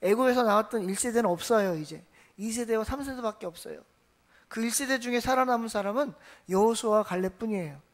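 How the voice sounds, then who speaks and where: A pastor delivers a Sunday morning sermon from the pulpit of a church sanctuary. The preaching leans on steady repetition, restating each point in near-identical phrasing. Rhetorical questions are thrown to the congregation and then answered in the same breath, at a middling pitch. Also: fast talker.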